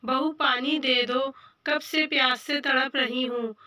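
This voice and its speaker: A sharp-tongued old mother-in-law who grumbles and demands, as a woman puts her on in a storybook reading. The voice is high and bright, delivered unhurried and a little distant from the mic. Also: fairly even intonation, exaggerated voice. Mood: grumbling. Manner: sarcastic complaining.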